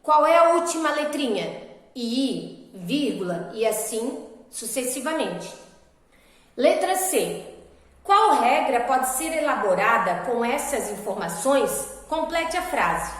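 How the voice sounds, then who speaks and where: A woman's voice: on the high side, big pitch swings, takes it slowly. A woman teacher giving a recorded video lesson, explaining step by step and asking her pupils questions. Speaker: primary school teacher. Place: school classroom. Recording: echoey classroom with long reverb.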